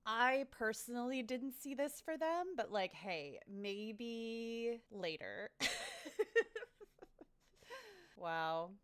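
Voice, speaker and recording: A woman's voice: fairly high pitch, expressive, slow pace, clean tone. A young woman casually narrating her gameplay, bubbly, chatty and easily delighted. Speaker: let's play host.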